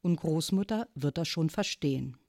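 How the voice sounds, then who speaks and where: A woman's voice: low-pitched, lively intonation, moderate pace, warm tone, no echo, clean studio sound. A woman voicing an exasperated mother who is fed up with her own mother's Christmas fuss. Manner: exasperated, head-shaking.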